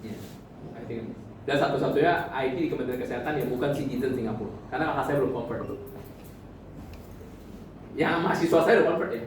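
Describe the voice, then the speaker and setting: A man's voice: mid-range voice, fast talker, long pauses. A male university lecturer in his thirties from Indonesia, giving a casual classroom lecture and constantly asking his students if they follow. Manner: chatty, keeps asking "right?". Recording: echoey room from far off, faint noise.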